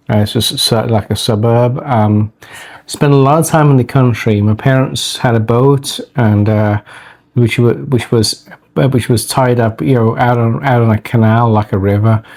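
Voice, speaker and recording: A man's voice: medium pitch, a little mellow. A man from Birmingham, England, with a Birmingham accent, co-hosting a vlog and chatting casually about his childhood, often stopping to restart his sentences. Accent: Birmingham English. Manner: halting, self-correcting, thoughtful. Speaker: vlog co-host. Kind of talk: casual chat.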